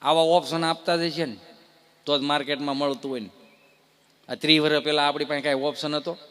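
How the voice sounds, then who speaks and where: A male stand-up comedian, telling jokes in an animated way and putting rhetorical questions to the crowd. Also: a little high, a little fast.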